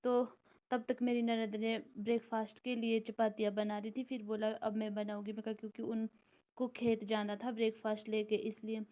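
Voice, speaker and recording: A young woman from the Indian hill country narrates her day in an easy, chatty voice-over, explaining each step as she goes. Her voice is a little high, warm and mellow, and it stays level with little rise and fall. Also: level tone, normal speed. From Indian hill region. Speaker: vlogger, mother of two daughters. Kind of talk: casual daily-routine vlog voice-over.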